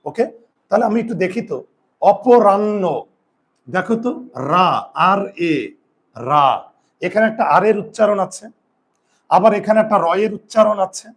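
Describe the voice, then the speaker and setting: A man teaching a spelling lesson to students, repeating each rule and asking questions he then answers himself. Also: high-pitched. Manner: repeats rules, asks and answers own questions. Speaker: Bengali grammar teacher.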